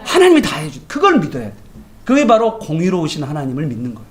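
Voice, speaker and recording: A man's voice: fairly high pitch, fast talker. A male pastor giving a morning devotion sermon in a colloquial, anecdotal way, often asking his listeners rhetorical questions. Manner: animated, colloquial, tells everyday anecdotes; asks the congregation rhetorical questions.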